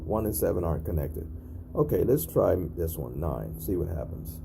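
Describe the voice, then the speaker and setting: At a building's entry intercom panel, a man with a very low, gravelly, fry-heavy voice casually documents an intercom test for the camera, demonstrating the equipment. His sing-song delivery is matter-of-fact and repetitive at a moderate pace, and the handheld recording picks up clear ambient noise.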